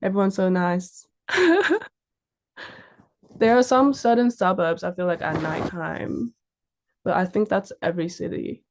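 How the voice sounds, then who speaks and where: A young fashion model from Sydney, Australia, chats casually as an interview guest and tells stories informally in her Australian accent. Her voice is on the low side and a little slow, with frequent pauses and a noisy background.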